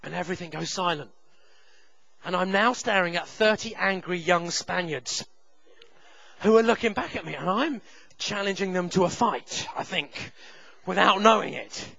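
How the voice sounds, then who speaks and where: A man in his thirties preaching a sermon, telling a personal story with self-deprecating humor and loud shouted reenactments. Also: high-pitched, normal speed, gravelly, dry recording. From England.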